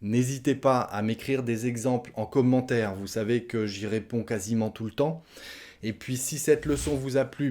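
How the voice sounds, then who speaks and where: A man's voice: medium pitch, warm tone. A man teaching a casual online language lesson, acting out example questions with a sharply rising tone. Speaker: French teacher.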